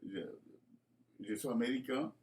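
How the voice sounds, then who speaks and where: In a mid-range, slightly mellow voice with a steady tone and unhurried pace, a Congolese school founder addresses inspectors about his school project. He speaks hesitantly in a formal, churchly style, with many fillers and repeated words.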